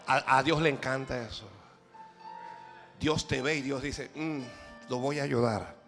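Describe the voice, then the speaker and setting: A man preaching a sermon as pastor, moving from hushed prayer to shouted exhortation. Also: medium pitch, a little slow, soft background music.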